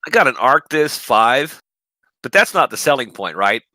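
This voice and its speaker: A man on a gaming podcast panel, speaking through a gaming headset with deadpan jokes. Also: mid-range voice, normal speed, no echo. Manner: deadpan, joking. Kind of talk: casual gaming podcast chat. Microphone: new gaming headset.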